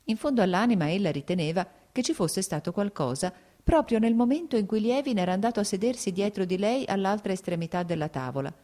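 A woman narrating a classic novel as an audiobook in a measured, even reading. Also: mid-range voice.

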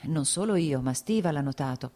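A woman voicing an exasperated aristocratic mother, reading her lines a little higher and more agitated than the narration. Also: animated, normal speed, warm tone. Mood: worried confiding.

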